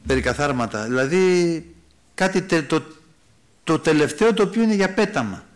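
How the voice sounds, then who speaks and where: Ένας μεσήλικας άνδρας ιεροκήρυκας που κηρύττει με οικείο, κουβεντιαστό τόνο, εξηγεί τη Γραφή και απευθύνεται στους ακροατές ως «αδερφοί». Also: male voice, on the high side, lively intonation. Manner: conversational preaching, addresses listeners as brothers, reads and explains scripture. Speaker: preacher. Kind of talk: sermon. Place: church hall.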